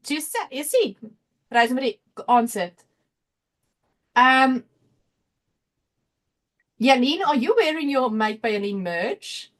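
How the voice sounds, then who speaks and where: South African woman, higher register, informal and talkative livestream host who thinks aloud. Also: animated, slow pace, long pauses. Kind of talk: casual live chat, reading out viewer comments.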